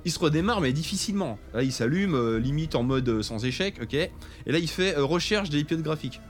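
Animated young man telling a story. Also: a little high, a little fast, faint music behind. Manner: animated storyteller, acts out messages, laughs often. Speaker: podcast co-host. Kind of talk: casual chat, storytelling.

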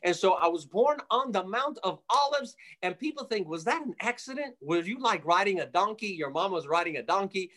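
A man from Jerusalem of Armenian family preaches fervently as a radio guest in a conversational interview. His high voice is animated, brisk, and sharp with few pauses, and he's emphatic and exhortatory, driving points home with repeated phrases.

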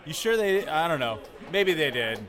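A man's voice: a little high, very animated, moderate pace, fairly bright tone. A man, an improv performer, joking and musing in a casual chat. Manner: jokey, musing.

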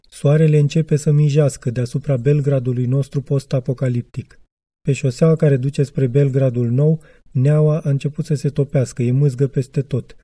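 A man reading a literary audiobook in a measured, reflective way. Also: mid-range voice, mellow, dry recording. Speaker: audiobook reader.

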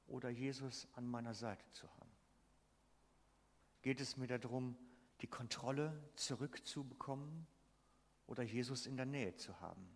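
Preacher in a reverberant church hall. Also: male voice, medium pitch. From Switzerland. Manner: emphatic, asks the congregation questions. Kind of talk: sermon.

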